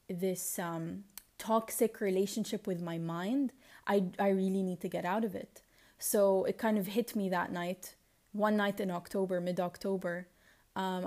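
A woman's voice: medium pitch, a little mellow. Reflective woman with a Lebanese, partly Americanized accent. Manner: reflective, rambling. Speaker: podcast host. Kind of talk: casual confessional solo monologue.

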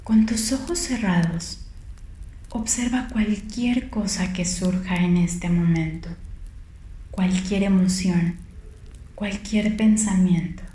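Woman meditation guide: very slow, mellow, hushed and calm, recorded in an echoey room. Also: lowish voice. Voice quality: soft and calm, hushed at times. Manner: slow, gentle instructions with long pauses.

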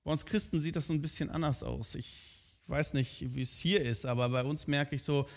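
A man's voice: fairly high pitch, moderate pace. A man preaching a sermon in a conversational way, often asking his listeners direct questions.

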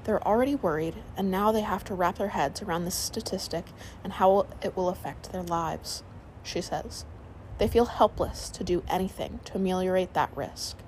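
A woman narrating a sleep story, reading aloud in a calm, soothing way. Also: lowish voice, moderate pace, a little hiss or hum.

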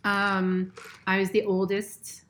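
A middle-aged woman from Massachusetts chats in an interview at home. She is earnest and a little halting, pausing on ums and restarting her sentences. Her pitch sits in an ordinary middle range. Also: completely flat delivery, fairly bright tone. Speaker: nurse, interview guest. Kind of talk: casual interview chat. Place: family home.

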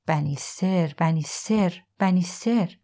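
A woman's voice: lowish voice, mellow. A woman voicing a defiant cornered male suspect. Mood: taunting. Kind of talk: audiobook character voice.

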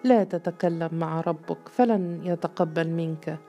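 A man's voice: fairly high pitch, unhurried, mellow, soft background music. A woman voicing a young man who angrily accuses a sheikh, speaking in a bitter, accusing way. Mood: bitter anger.

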